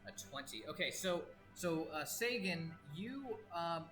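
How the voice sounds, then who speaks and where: A man narrating as game master of a tabletop game, describing scenes with many pauses and restarts. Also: on the high side, lively intonation, bright, forceful tone, soft background music, low-quality recording. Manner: halting, full of fillers and restarts, descriptive.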